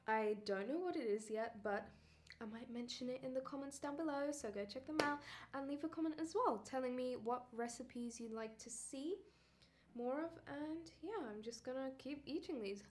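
A woman's voice: high voice, normal speed. A woman hosting a casual baking vlog from her kitchen, chatty and enthusiastic as she talks viewers through a recipe. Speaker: baking channel host.

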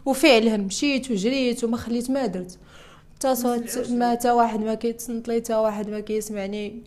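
Rapid, high-voiced Moroccan woman. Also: fairly even intonation, darkish tone. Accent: Moroccan Arabic. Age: young adult. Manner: distressed, repeating herself and restarting often. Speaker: interviewee. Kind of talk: emotional personal testimony.

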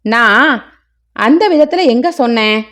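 A woman's voice: a little high, expressive, measured pace, a bit bright. A woman voicing a middle-aged husband who pleads and tries to soothe his crying wife. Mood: pleading.

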